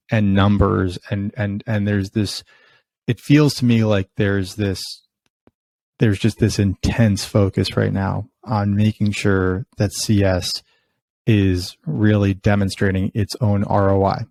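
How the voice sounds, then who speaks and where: Hosting a conversational podcast interview, a man asks questions eagerly and often restarts his words. His voice is on the low side with a darkish tone.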